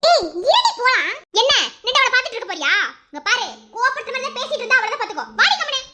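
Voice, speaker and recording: A woman voicing a sharp-tongued, possessive young college woman in a cartoon, scolding in a Madurai Tamil accent. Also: sing-song, rapid-fire, very noisy. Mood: snappy. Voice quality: very high, squeaky voice. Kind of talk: animated cartoon voice acting.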